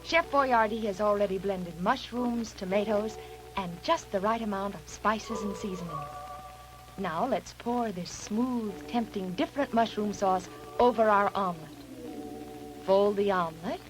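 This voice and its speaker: A woman's voice: mid-range voice, a little slow, rough recording. A woman voicing a 1950s TV cooking commercial in a sweet, coaxing demonstrator tone, heard as old broadcast audio. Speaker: commercial voice-over. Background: music.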